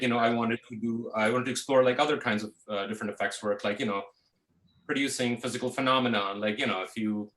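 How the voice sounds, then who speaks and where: A man in his thirties from Pakistan talks through his career in a relaxed, chatty way, filling pauses with "uh" and "you know." His voice is bright and forward. It sounds echoey, as if recorded in an open room over a video call. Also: medium pitch. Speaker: guest, visual effects artist. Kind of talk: casual interview answers.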